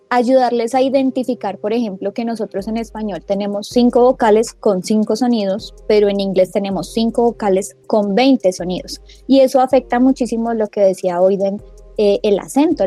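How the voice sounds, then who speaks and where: A woman's voice: mid-range voice, normal speed, warm tone, faint music behind. A woman who co-founded a language school, answering questions in a radio interview and patiently explaining pronunciation like a teacher while she sounds out example words.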